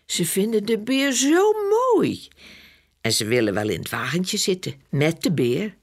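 A woman reading a children's story aloud slowly and gently, with a husky, creaky voice. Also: fairly low pitch, huge pitch swings. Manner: slow gentle storytelling with breathy hushed passages. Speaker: reader.

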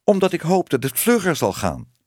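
A man's voice: a little high, wildly swooping pitch, moderate pace, darkish tone, no room sound, clean studio sound, voice pushed up. A man doing a timid, stammering cat-woman. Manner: hesitant, stammering. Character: shy woman who was once a cat, timid. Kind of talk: audiobook reading.

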